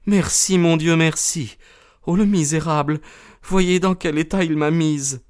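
A man voicing a distraught young wife in an audiobook, pushing his voice high and strained as she pleads and grows bitter. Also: a little slow, a little mellow, close to an everyday voice. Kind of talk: audiobook character reading.

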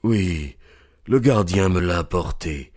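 A man's voice: low-pitched, animated, takes it slowly, darkish tone, no room sound, studio quality, full character voice. A weary, dying old man. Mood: weary, remorseful.

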